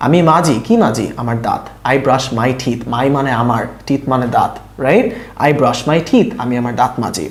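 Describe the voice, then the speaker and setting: Man teaching English, lively pitch, roomy echo. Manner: explains slowly, asks rhetorical questions; switches between Bengali and English. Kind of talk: spoken English lesson.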